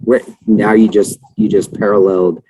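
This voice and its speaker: A man's voice: on the low side, little pitch movement, normal speed, mellow, slightly rough, rough recording. A man hosting a podcast interview, answering mostly in short affirmations and laughing agreement. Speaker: podcast host. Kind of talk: casual interview chat.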